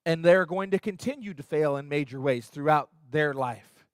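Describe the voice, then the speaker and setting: A pastor preaching a conversational sermon in a church, acting out quotes in an earnest, lively way. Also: male voice, fairly high pitch, normal speed, clean tone, dry recording, studio quality. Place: church sanctuary.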